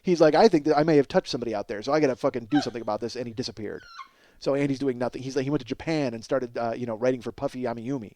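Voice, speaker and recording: A middle-aged man hosts a comedy podcast, delivering a rambling, excitable monologue at rapid-fire speed in a medium pitch. He mocks himself, swears freely, and often stammers over repeated words.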